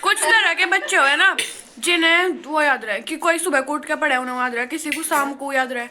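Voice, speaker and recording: Young female vlogger with a Western Uttar Pradesh Hindi accent, high and bright, blunt and rambling, phone-mic hostel-room chat. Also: a little fast, slight background noise. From western Uttar Pradesh, India. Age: young adult. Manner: blunt, rambling, laughs often, plain rustic speech. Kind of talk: casual chatty vlog.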